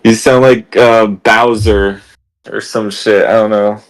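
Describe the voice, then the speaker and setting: A man's voice: on the low side, level tone, slow pace, rough recording. A man chatting casually in a gaming voice chat, swearing and laughing with friends. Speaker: podcast co-host.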